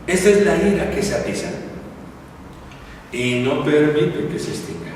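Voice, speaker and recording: Man, conversational Bible teacher, slightly high voice, recorded from afar in a long-echo hall with faint noise. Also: animated, a little slow, darkish tone. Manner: chatty, rhetorical questions to the audience. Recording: echoey hall from far off, faint hiss.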